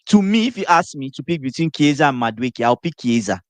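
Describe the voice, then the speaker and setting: A man's voice: mid-range voice, expressive, fast, dry recording. A man co-hosting a casual football podcast, explaining points insistently and repeating key phrases. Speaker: podcast co-host.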